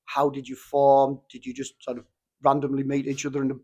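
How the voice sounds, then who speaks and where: A man's voice: medium pitch, monotone, brisk, darkish tone, dull audio. A man interviewing a band, asking loose, jokey questions. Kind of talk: casual interview. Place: backstage green room.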